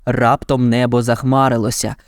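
A man narrating a children's fairy tale in an even, dramatic storytelling manner. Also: mid-range voice, moderate pace, no echo, clean studio sound.

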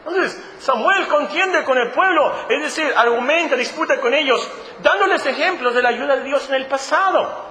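A Mexican man with a northern Mexican accent preaching a sermon as pastor, expressive and repeating phrases for emphasis. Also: very high voice, normal speed, a little hiss or hum. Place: church sanctuary. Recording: echoey church hall, faint ambience.

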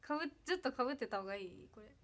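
Giggly young woman from ehime, iyo accent with kansai bits, high voice, chatting on a stream from home. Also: animated, racing. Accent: Iyo dialect of Ehime mixed with Kansai. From Ehime, Japan. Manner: bubbly, giggly, often trails off softly. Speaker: livestreamer reading viewer comments. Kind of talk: casual birthday livestream chat.

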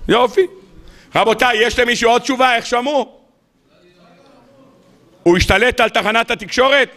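A lively rabbi preaching a weekly sermon. His voice is high and ringing, and he questions his listeners as he talks. He switches between retelling the story and acting it out with humor. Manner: animated, rhetorical questions to the audience; humorous, acts out scenes.

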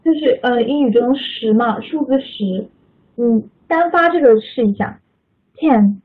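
A woman's voice: on the high side, lively intonation, measured pace. A woman teaching English pronunciation in an online class, patiently correcting students and calling on them by name over video call. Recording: tinny online call audio.

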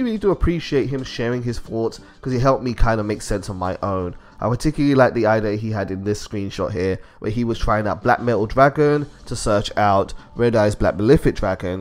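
A man giving casual, chatty commentary for a gaming video, recorded as a voice-over. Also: on the low side. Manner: chatty, loose and conversational.

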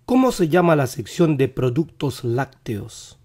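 A male teacher with a dark, mellow voice hosts a vocabulary quiz lesson. He talks very slowly and repeats each English word with care. His voice still sounds a little worn, as if not fully recovered. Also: mid-range voice, sing-song, slightly rough.

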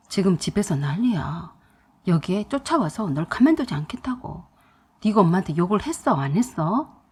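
A woman's voice: fairly low pitch, darkish tone, husky, voice pushed down, exaggerated voice. A woman voicing an angry accusing husband. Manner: heated, accusing questions.

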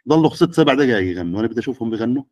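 A man's voice: medium pitch, animated, racing, darkish tone, no echo, lo-fi sound. A middle-aged man, lecturing teachers and often checking with the audience. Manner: questioning the audience.

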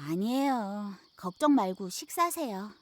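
An actress playing a responsible, caring older sister in an audio drama, brisk, exasperated and reassuring by turns. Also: female voice, mid-range voice, lively intonation, very noisy, lightly acted.

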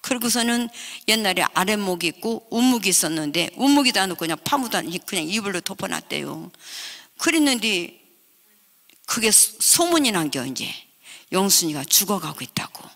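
A woman's voice: mid-range voice, sing-song, moderate pace, creaky, fairly bright tone. An older woman with a Chungcheong Korean accent gives an emotional testimony at a revival meeting, telling her story vividly. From Chungcheong region, South Korea. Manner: vivid storytelling, acting out family voices. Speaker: guest revival speaker. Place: church sanctuary. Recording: long church-hall reverb.

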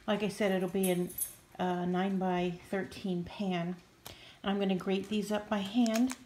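In a casual cooking vlog shot on a phone held in hand, a middle-aged woman talks warmly while making family dinner at home, in the kitchen and living room. Her voice is mid-range, unhurried and darkish, with little pitch movement and a faint hiss or hum.

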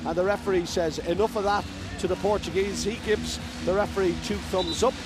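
A man giving live handball commentary in short, emphatic, excitable phrases. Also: sits high, fairly quick, loud music behind the voice. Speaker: sports commentator. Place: large indoor sports arena with crowd.

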